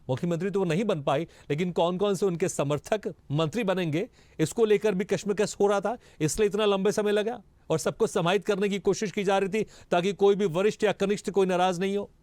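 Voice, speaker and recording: A man moderating a heated TV news debate, repeating phrases to calm the guests. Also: high voice, brisk, dry recording.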